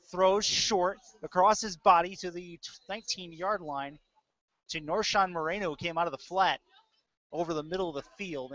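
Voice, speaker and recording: This is a high-pitched, sharp-toned man doing live American football play-by-play, talking conversationally between plays like a sports announcer. There's no echo, though the stream itself sounds dull and lo-fi.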